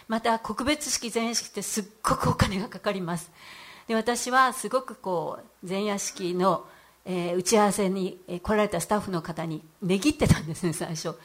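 A middle-aged woman giving a heartfelt church testimony in an earnest voice, with frequent hesitant fillers. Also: mid-range voice.

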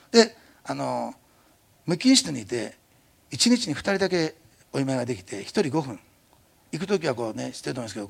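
A middle-aged man preaching a sermon, telling a story in a fast, animated way. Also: medium pitch, creaky, husky. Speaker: pastor.

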